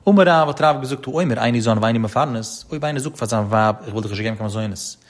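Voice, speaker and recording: A man giving a Talmud study lecture in a rapid, chanting delivery with frequent rises and falls. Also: fairly low pitch, fairly even intonation. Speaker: Talmud teacher.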